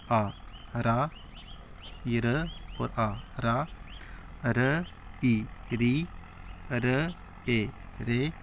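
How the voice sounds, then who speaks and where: Slowly spelling out Urdu script, a man in a mid-range voice pronounces each letter and syllable separately, then poses questions and answers them himself. There's slight background noise.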